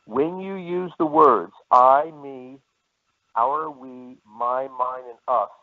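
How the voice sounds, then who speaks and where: A man giving an insurance sales training, lecturing in a repetitive way and slowing down to list key words. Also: medium pitch. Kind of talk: training presentation. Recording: tinny phone-like line.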